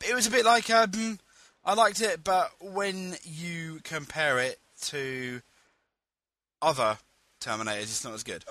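A male podcast host with a very bright, sharp tone and a dry, close sound. He talks eagerly and laughs often, stumbling over the openings of his sentences. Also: a little high, a little slow, no echo. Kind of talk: casual chat.

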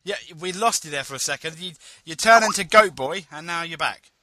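A man's voice: fairly high pitch, lively intonation, a little fast, pushed and bright, no room sound. A man hosting a podcast, chatting eagerly and laughing easily, often stumbling over how his sentences start. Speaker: podcast host. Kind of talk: casual chat.

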